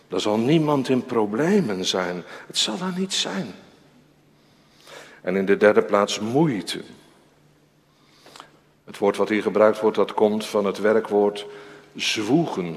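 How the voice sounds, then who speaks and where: A man preaching a sermon as pastor, slow and dramatic, now and then crying out loudly. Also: on the low side. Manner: slow, dramatic preaching with sudden raised cries. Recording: long church reverb.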